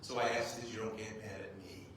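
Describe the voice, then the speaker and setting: Speaking fairly quickly in a level tone, this rabbi has a voice on the low side. A native English speaker from the United States, he addresses a group informally in a large, echoey room, with self-deprecating jokes and frequent "right?" check-ins. The recording is very echoey, from a distant clip-on mic, with faint noise.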